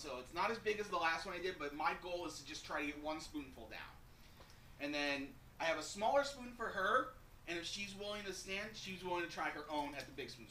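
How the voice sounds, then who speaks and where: A man's voice: a little high, pushed and bright, reverberant, far from the mic, slight background noise, poor audio. A man chatting casually to his viewers in a home vlog, rambling and talking straight to camera. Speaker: YouTuber. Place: room at home.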